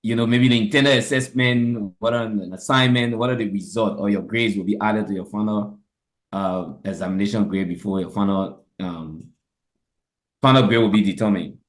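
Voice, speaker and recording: A man's voice: on the low side, steady tone, normal speed. Male student, careful phrasing, roomy echo on the call. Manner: careful, checks he is understood.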